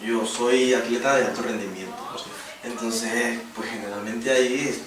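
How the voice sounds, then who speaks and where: Animated male panelist, very echoey room. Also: medium pitch, moderate pace, a crowd in the background. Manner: lively, animated storytelling with laughter. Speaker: panel guest, athlete. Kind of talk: round-table discussion. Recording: echoey room, distant mic, noisy.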